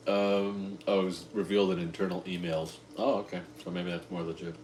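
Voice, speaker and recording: A man co-hosting a cooking livestream, chatting casually and telling animated, laughing stories while eating. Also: sits low, normal speed. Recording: echoey room with faint noise.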